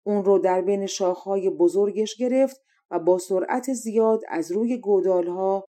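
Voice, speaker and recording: A young adult woman narrating a fairy tale as an audiobook reader, calm and measured. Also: mid-range voice. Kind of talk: storybook narration.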